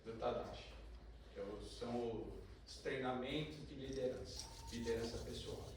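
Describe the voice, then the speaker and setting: A man shares a family anecdote with a group in a relaxed, conversational way, at a mid pitch. He sounds far from the mic in a very echoey room. A steady background noise runs under his voice. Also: moderate pace. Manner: conversational, recounting family stories. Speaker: participant sharing a story. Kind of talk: casual anecdote in a group talk. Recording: very echoey, distant from the mic, noisy.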